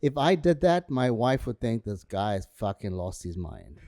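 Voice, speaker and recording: A man's voice: on the low side, sing-song, moderate pace, dark tone. A man with a South African accent, co-hosting a casual podcast chat and often repeating words while he searches for them. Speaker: podcast co-host.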